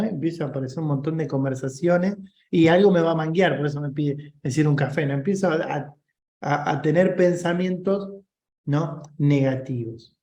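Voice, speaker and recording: A man's voice: a little high, darkish tone, echoey room, highs cut off. A man with a Rioplatense Spanish accent, giving an informal leadership coaching class and checking in often with his listeners.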